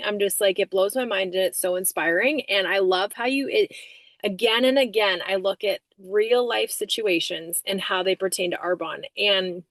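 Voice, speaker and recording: A woman's voice: mid-range voice, fairly bright tone, dry recording. Chatty woman on a video call. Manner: chatty, many fillers like "like" and "um". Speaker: team leader. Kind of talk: casual motivational talk on a video call.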